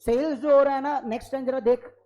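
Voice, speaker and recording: A man teaching an accounting class live in a classroom, lively and constantly prompting students for yes or no. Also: extremely high pitch, fast talker, low-quality recording. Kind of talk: classroom lecture.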